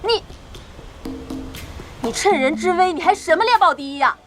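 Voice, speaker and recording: A woman's voice: very high voice, lively intonation, normal speed. An actress playing a headstrong female army reporter who talks boldly and scolds. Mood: indignant. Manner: bold, insistent, scolding. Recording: drama audio with music behind.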